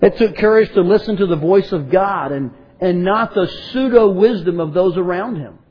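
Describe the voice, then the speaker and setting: A man's voice: sits high, moderate pace, slightly rough, dull audio. A man preaching a sermon to a congregation, asking rhetorical questions and prompting his listeners to respond.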